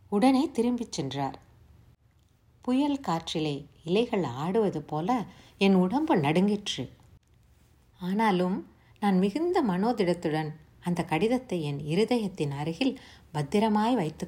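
Woman reading a story with lively lilt. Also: fairly low pitch. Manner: emotional, lilting first-person telling. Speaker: reader of a short story.

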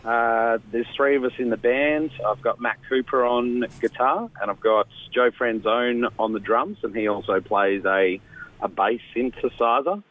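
A man's voice: mid-range voice, measured pace. Man on a tinny phone line. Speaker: band lead singer, radio guest. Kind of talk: casual phone interview.

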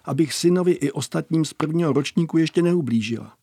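A worried mother pleads for advice in her letter, read out by a man. The delivery is slow and subdued, in a dry room. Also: a little high, creaky, no room sound. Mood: pleading. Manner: pleading, soft.

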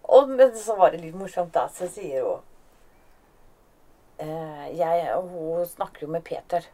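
A woman's voice: on the low side, mellow. A woman on a podcast chatting casually, retelling little stories with quoted dialogue and laughing often. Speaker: co-host who tells of death and spirits.

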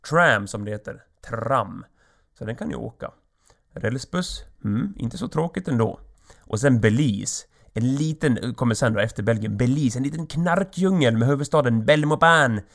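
A man's voice: mid-range voice, creaky, a bit bright. A man hosting a solo comedic podcast, rambling in an offhand way and joking crudely. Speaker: podcast host.

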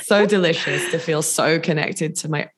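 A woman's voice: low-pitched, normal speed. A woman guest on a podcast, talking casually and effusively, often repeating words as she searches for them.

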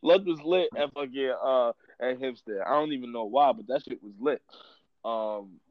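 A man's voice: mid-range voice, moderate pace, dry recording, narrow, tinny audio. A man co-hosting a podcast over a call, talking in laid-back slang. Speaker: podcast co-host. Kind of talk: casual chat.

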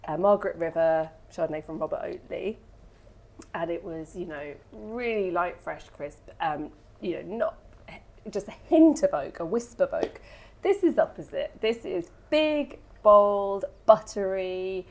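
A woman's voice: on the low side, a little slow, a little mellow. A woman co-hosting a wine podcast, laughing often and describing wines vividly. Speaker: podcast co-host. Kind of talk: casual podcast chat.

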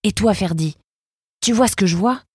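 A woman voicing an excitable young male fox, eager and exclaiming, with hesitant fillers now and then. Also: medium pitch, normal speed, slightly rough, no echo, clean studio sound, pitched above the performer's own voice.

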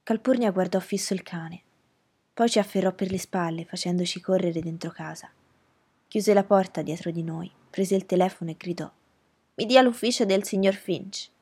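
A woman reading a novel aloud in a calm, measured, soft-spoken way. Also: lowish voice, husky. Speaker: audiobook reader.

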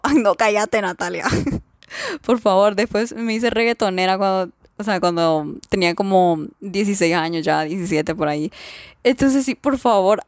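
A woman's voice: medium pitch, no echo, clean studio sound. A young woman with a Guatemalan Spanish accent, chatting casually as a vlogger as she reads out viewer answers, rambling with lots of fillers and laughs.

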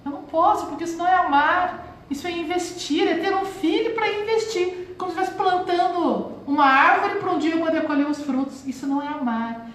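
A woman's voice: very high-pitched, a little fast. Brazilian woman giving a spiritual talk. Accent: Brazilian Portuguese. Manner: warm, reflective, addresses listeners as "gente". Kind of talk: live-streamed motivational talk. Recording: very echoey room, faint hiss.

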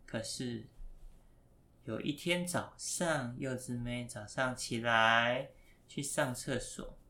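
Gentle father telling a story. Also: mid-range voice, slow pace. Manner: gentle, patient, coaxing questions. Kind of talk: bedtime storytelling with questions to a child.

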